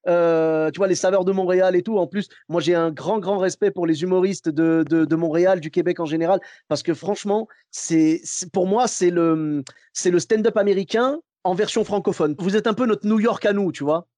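Chatty podcast host with a mellow voice. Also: male voice, high voice, normal speed, dry recording, studio quality. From Morocco. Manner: friendly, chatty, many fillers. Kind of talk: casual podcast chat.

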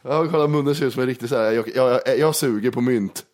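A man's voice: mid-range voice, darkish tone, a little hiss or hum. A young man in casual banter with friends, making crude, teasing jokes.

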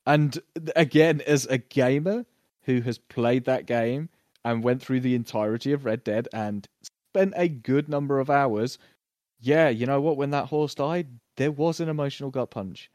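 A man in casual conversation on a podcast, talking through a TV series with lots of fillers and quick bursts of acted-out lines. His voice sits in a middle register and sounds dry and close, with no room around it. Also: mid-range voice, no echo. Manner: animated, puts on quick voices when retelling scenes. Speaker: podcast co-host. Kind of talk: casual TV review chat.

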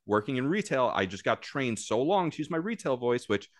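A man's voice: medium pitch, very animated, fairly quick, no echo, clean studio sound. A man hosting a podcast in casual chat. He talks in a loose, chatty way, swears casually, and uses a nasal, upbeat presentation voice. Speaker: podcast host.

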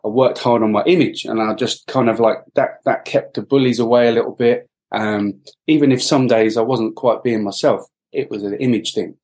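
A medium-pitched male voice with a darkish tone, fairly even intonation, and normal speed. The speaker, a middle-aged man from Wales appearing on a podcast, gives reflective interview talk with frequent fillers and restarts.

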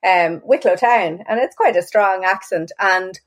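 A woman interviews her guest in a relaxed, conversational way. Her voice sits at an ordinary, middle pitch for a woman. She talks loosely, in casual asides. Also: unhurried.

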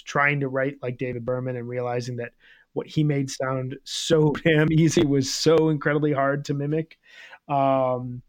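A man's voice: medium pitch, no room sound. A man in his thirties co-hosting a podcast, talking in a reflective, rambling way with many fillers. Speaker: podcast co-host. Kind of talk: casual podcast chat.

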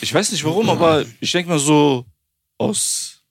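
A man's voice: on the high side, a little slow, breathy edge, dry recording, studio quality. A man casually telling a funny story on a podcast, acting out the people he quotes. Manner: animated storyteller, acts out quoted people, laughs often. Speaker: podcast host.

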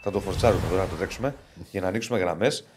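Male host, lowish voice, upbeat and chatty. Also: background noise. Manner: upbeat, plugs the channel, quick banter. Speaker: sports podcast host. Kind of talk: casual sports chat.

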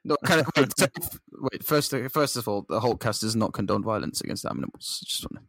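A man's voice: on the low side, very animated, brisk, creaky, a bit bright, no room sound. A man co-hosting a football podcast, talking earnestly and rambling with restarts. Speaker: podcast co-host. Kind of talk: casual football chat.

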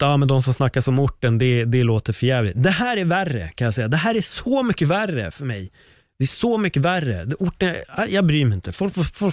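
A man's voice: mid-range voice, no room sound, clean studio sound. Opinionated man on a solo podcast. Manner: opinionated and animated, exclaims and laughs. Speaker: podcast host.

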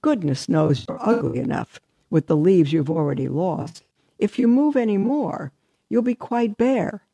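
A high, smug fir tree sneers and mocks, as a woman puts it on in a storybook reading. The voice is gravelly and husky underneath, pitched up, and recorded close and dry. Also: expressive, a little slow, warm tone, no echo, full character voice. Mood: smug mocking. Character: haughty smug fir tree, female-sounding, sharp-tongued.

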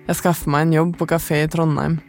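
A woman, the podcast's narrator, telling her own story in calm, measured, scripted first-person narration. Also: low-pitched, faint music behind.

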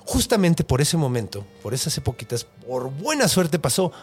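A high-voiced Mexican man tells a story in loose, profane slang. His pitch leaps around constantly as he talks. Faint music plays behind him. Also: sing-song, normal speed, breathy edge. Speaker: podcast host. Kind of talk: casual storytelling.

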